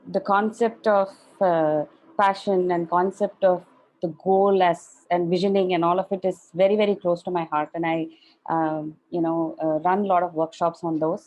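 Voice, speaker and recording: A woman's voice: fairly low pitch, flat delivery, moderate pace, darkish tone, poor audio. A woman coach, introducing herself on a video call, hesitant with many fillers. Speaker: coach and co-facilitator.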